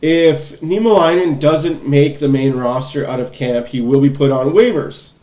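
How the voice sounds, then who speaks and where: A man's voice: fairly high pitch, normal speed, dark tone. A man hosting a livestream, giving blunt, opinionated fan commentary over a hockey game. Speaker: livestream host. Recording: echoey room.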